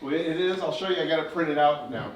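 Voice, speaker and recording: A man's voice: a little high, a little fast, a crowd in the background. A man performing as a kids party magician, with showy, playful patter full of questions to his audience. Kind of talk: live stage magic show patter. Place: live show in a room with audience, recorded from a distance. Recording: echoey, noisy room, distant mic, clicks.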